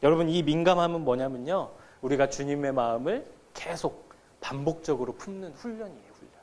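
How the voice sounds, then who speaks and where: Man, thirties, pastor, sermon, chatty storytelling, fairly high voice. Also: expressive, fairly quick, darkish tone. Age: 30s. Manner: conversational storytelling to the congregation. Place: church sanctuary.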